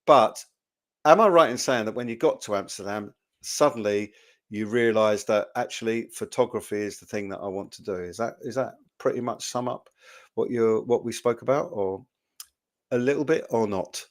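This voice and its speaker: A fairly low-voiced man hosting a relaxed online interview. He talks in a chatty, joking way, filling pauses with ums and restarting sentences as he goes. It sounds like a video call. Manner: chatty, jokey, with frequent fillers. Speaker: interview host.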